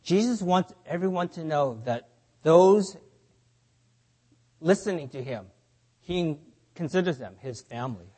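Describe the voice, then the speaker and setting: A preacher with a high-pitched male voice delivers his sermon in short bursts, pausing so an interpreter can translate. He keeps each phrase brief and his delivery measured and plain, though his tone is animated and warm.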